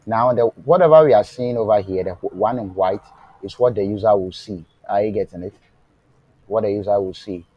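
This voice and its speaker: A husky, somewhat low male voice comes through dull audio as he runs a live online web development lesson. He checks whether students are following and often asks "what?", leaving them to fill in the answer, speaking slowly and deliberately with fillers and restarts. At times he is faint, as the class is remote.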